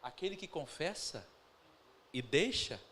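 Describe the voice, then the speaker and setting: A Brazilian Portuguese-accented pastor delivers a sermon in a fairly high voice, shifting from calm storytelling to loud, emphatic bursts and slowly stressed words. He calls the congregation his brothers and shares family anecdotes. Instrumental music plays beneath his voice, with slight background noise.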